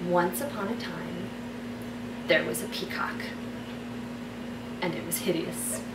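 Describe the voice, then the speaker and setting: Her voice is lowish, gravelly, and steady, and she talks slowly while telling casual, playful stories directly to her viewers. The recording sounds distant and echoey, with background noise.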